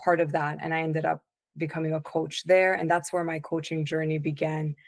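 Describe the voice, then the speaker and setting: A woman coach telling her life story as a podcast guest, in a relaxed, conversational way with frequent restarts. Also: sits low, fairly quick. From born in the United States, raised in Italy and Canada. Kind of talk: casual interview chat.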